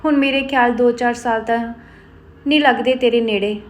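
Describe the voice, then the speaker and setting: A woman's voice: fairly high pitch, steady tone, fairly quick, close to an everyday voice. Lady doing a cheeky older village guy, teasing and mocking. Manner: teasing, laughing.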